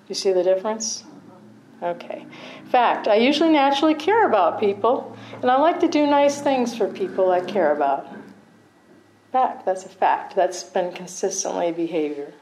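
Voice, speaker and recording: A woman's voice: medium pitch, animated, moderate pace, darkish tone, slight background noise, low-quality recording. A middle-aged woman teaching meditation in a conversational dharma talk, often checking in with her listeners and laughing at herself.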